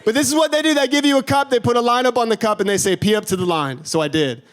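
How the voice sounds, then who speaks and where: A man's voice: extremely high pitch, rapid-fire, fairly bright tone, slight background noise. A young man from doing a stand-up set on a theater stage, laid-back and tagging his jokes with "you know?". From Chicago. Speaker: stand-up comedian.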